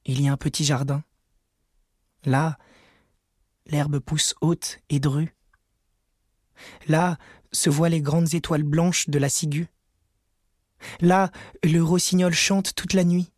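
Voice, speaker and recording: A man's voice: sits high, steady tone, measured pace, long pauses, a little mellow, no room sound, studio quality. A man voicing a weary, sorrowful old male ghost who speaks in a dreamy, mournful, pleading way.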